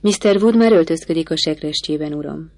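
A woman's voice: low voice, warm tone, no room sound. Woman reading as a deferential footman. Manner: short, respectful replies. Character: deferential young male footman, dutiful.

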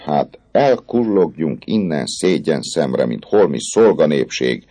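Man voicing blustering beggar-king, rough husky shouting, swooping delivery. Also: rumbling low, animated, voice pushed up. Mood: indignant. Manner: loud, scornful shouting. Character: gruff male vagabond king, blustering leader.

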